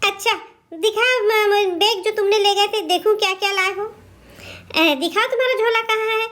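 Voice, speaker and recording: A woman voicing a nosy, sharp-tongued elderly mother-in-law in a doll drama, scolding and prying. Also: extremely high pitch, normal speed.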